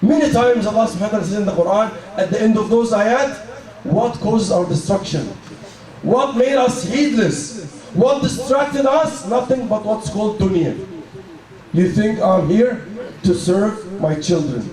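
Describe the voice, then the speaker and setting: A man's voice: sits high, animated, moderate pace, crowd noise. A man preaching a sermon in an emphatic way, asking rhetorical questions and reciting verses. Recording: echoey hall, voice from a distant mic.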